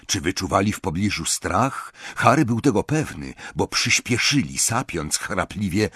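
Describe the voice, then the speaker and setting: A man narrates a fantasy audiobook in a lowish, husky voice that rises and falls with lively drama. The sound is dry and close to the mic, with no room around it. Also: no room sound. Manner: expressive, dramatic storytelling.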